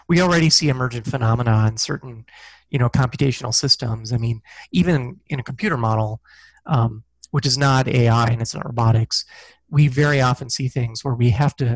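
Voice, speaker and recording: A man's voice: mid-range voice, dry recording, rough recording. A middle-aged man talking casually as an interview guest, thoughtful and self-deprecating, on a headset mic. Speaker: guest, physicist and science fiction author. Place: small indoor room, video call.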